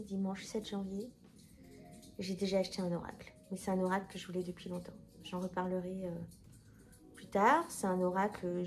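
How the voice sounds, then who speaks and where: Chatty woman with a mellow voice. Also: medium pitch. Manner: chatty, rambling, many fillers and self-corrections. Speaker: tarot video creator. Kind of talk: casual talk to camera.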